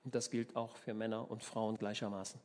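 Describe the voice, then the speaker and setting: A German man preaching a sermon, telling the story in a lively way, acting out the people in it and often asking his listeners for agreement. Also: fairly low pitch, fairly quick. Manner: lively storytelling, acts out voices, asks the listeners questions.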